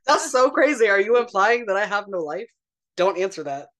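A man's voice: sits high, sing-song, moderate pace, bright, forceful tone. A man talking casually as a podcast guest, protesting with playful drama and quoting himself a lot. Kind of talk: casual family chat.

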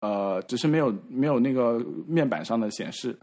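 A man on a podcast, casually telling a story in halting repeats and acting out the quoted dialogue. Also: mid-range voice, animated, darkish tone. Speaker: podcast regular. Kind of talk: casual chat.

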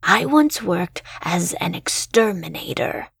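A woman voicing a sly male street musician who speaks with a foreign accent, gentle and teasing. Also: lowish voice, sing-song, takes it slowly, creaky, husky, no echo, studio quality, exaggerated voice.

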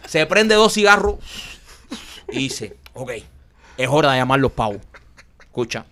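A man's voice: mid-range voice, very animated, unhurried, fairly bright tone. A man telling a funny story in casual chat, acting out the quotes and laughing often.

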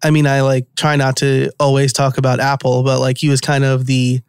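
A man's voice: mid-range voice, monotone, brisk, clean tone, no echo. A middle-aged man with a New York accent, hosting a casual, conversational podcast interview. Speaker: podcast host.

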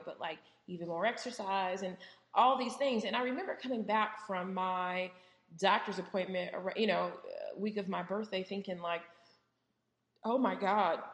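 Candid, chatty woman in her thirties, echoey room. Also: mid-range voice. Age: 30s. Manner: candid, chatty, lots of fillers and asides. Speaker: podcast host. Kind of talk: casual solo podcast monologue. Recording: roomy echo.

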